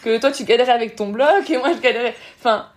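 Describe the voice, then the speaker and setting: A woman, a podcast guest giving frank advice on social media in an emphatic way, often acting out other people's thoughts. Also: fairly high pitch. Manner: rapid, emphatic, frank, acts out quoted thoughts. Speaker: guest, Instagram marketing expert.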